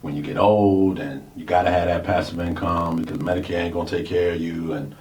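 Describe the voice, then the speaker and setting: A man in his forties co-hosts a radio talk show, sounding low, steady, brisk and a little mellow in his laid-back delivery. Recorded in a roomy studio with the mic set back, there's a faint hiss.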